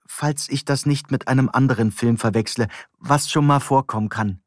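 A man's voice: medium pitch, moderate pace, no room sound, clean studio sound, natural voice. A man reading an audiobook, voicing a bumbling, meek man who talks hesitantly and trails off. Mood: earnest. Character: bumbling, meek middle-aged man, talks himself into trouble.

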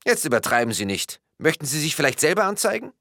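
Dude doing a high bumbling cop voice, chatty and clueless, bouncy questions, dry sound. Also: male voice, very animated, quick pace, pushed and bright, no echo, exaggerated voice. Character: naive, chatty male police officer.

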